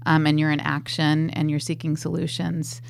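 A woman's voice: low voice, flat delivery, moderate pace, vocal fry. A woman guest on a podcast, speaking firmly and urging parents to act. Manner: firm, urging. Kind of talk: casual interview talk.

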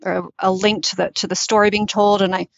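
In a thoughtful interview, a Tunisian-born, US-raised literary translator talks fast in a medium-pitched, level, gravelly voice, often starting over to get her phrasing right. The audio is a dull, lo-fi, dry recording without echo.

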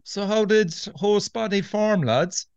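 A man's voice: high-pitched, takes it slowly, darkish tone, clear, resonant tone, no room sound, lo-fi sound. An Irish-accented man hosting a podcast in a casual, matey, enthusiastic way. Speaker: podcast host.

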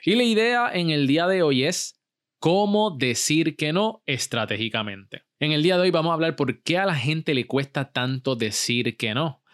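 A man's voice: fairly high pitch, lively intonation, moderate pace, a bit bright, smooth, no room sound, clean studio sound. A man hosting a solo motivational business podcast, talking energetically and putting questions straight to the listener. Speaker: podcast host.

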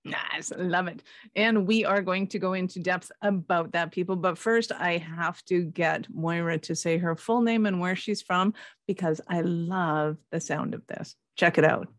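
A woman hosts a chatty interview with an informal, joking delivery. Her pitch is a little low, and the sound is dry with very little room. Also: unhurried, dry recording. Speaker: podcast host. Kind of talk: casual, chatty interview hosting.

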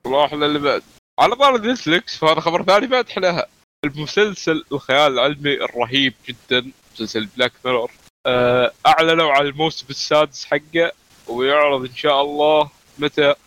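A man co-hosts a casual podcast in a lively, joking manner. His voice is bright and slightly high, and he talks quickly. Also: dry recording, poor audio. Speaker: podcast co-host.

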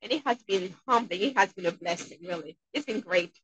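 A woman from Haiti with a Haitian accent, a dentist being interviewed, talking in an upbeat, expressive way. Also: medium pitch, fairly quick, poor audio. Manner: upbeat, expressive, acts out quotes. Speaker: guest dentist. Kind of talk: interview conversation.

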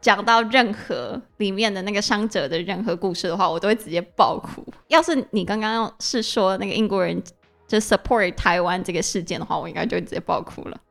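A woman with a Taiwanese Mandarin accent co-hosts a casual English-learning podcast. Her voice sits in the middle range, and she answers with quick reactions while mixing English phrases into the chat. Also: mid-range voice, gravelly, fairly bright tone, faint music behind. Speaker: podcast co-host teaching English.

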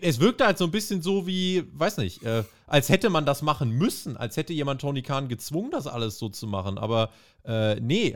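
A man hosting a casual wrestling review, recapping and joking and acting out quotes in put-on voices. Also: mid-range voice. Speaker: host.

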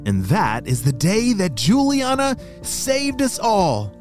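A man hosts a children's story podcast, narrating in an animated, exclamatory style and addressing young listeners directly. His voice sits high and he speaks slowly, with faint music in the background.

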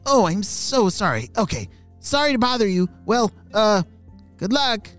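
A man plays an excitable young frog from a children's story. The voice sits high and swoops all over as he exclaims and gasps, eager and a little breathless. Soft music plays faintly behind. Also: unhurried, exaggerated voice. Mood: puzzled. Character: excitable young male spring peeper frog.

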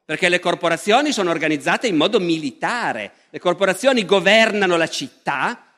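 A man delivers a public history lecture in an animated, conversational style, often addressing the audience directly. His voice is high and bright, and a large lecture hall leaves a long reverb after his words.

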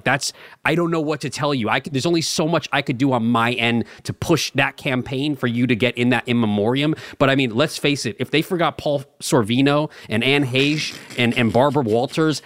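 A young man co-hosting a podcast talks earnestly in casual banter, rambling and restarting with stammers. His mid-range voice is a bit bright, recorded at studio quality with no room sound.

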